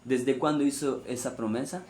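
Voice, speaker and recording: A man's voice: mid-range voice, steady tone, normal speed, darkish tone, slight background noise. A man preaching a sermon on the weekly Torah portion, repeating phrases and asking rhetorical questions.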